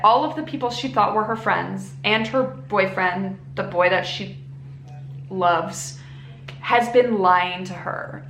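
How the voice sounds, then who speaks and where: A woman telling a story as a book reviewer in a casual, rambling, slightly tipsy way, animated and acting out reactions with exaggerated emphasis. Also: mid-range voice. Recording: roomy echo with background noise.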